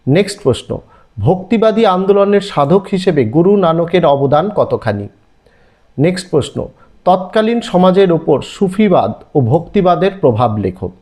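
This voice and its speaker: A man with an Indian Bengali accent teaches an online exam-prep lesson, reading listed questions out one after another. His fairly high voice swings widely in pitch and has a soft, mellow tone. He's animated and emphatic at a moderate pace, with an instructional, repetitive, list-like rhythm.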